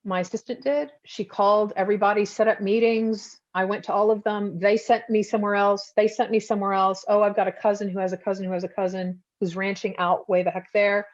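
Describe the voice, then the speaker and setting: A woman's voice: medium pitch, level tone, fairly quick, hardly any pauses. Woman from Texas, photographer-author, reflective and rambling, muffled video call sound. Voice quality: reflective, rambling with many restarts. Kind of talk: casual talk answering audience questions. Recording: dull lo-fi video call audio.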